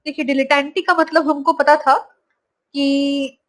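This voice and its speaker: A woman teaching English vocabulary from slides, saying each word slowly and repeating it. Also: high-pitched, level tone, rough recording. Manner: slow, drawn-out pronunciation of each word, repeated. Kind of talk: slide-based vocabulary lesson.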